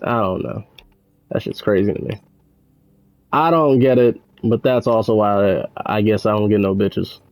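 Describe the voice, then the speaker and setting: A man's voice: lowish voice, moderate pace, a little mellow. A man giving casual, rambling commentary while gaming, sardonic and full of swearing. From United States. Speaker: gaming channel host.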